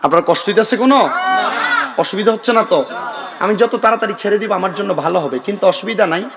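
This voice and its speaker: Man, middle-aged preacher, high voice, chatty sermon, prods crowd for responses. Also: quick pace, gravelly, heavy background noise. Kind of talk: Islamic sermon (waz) to a gathering.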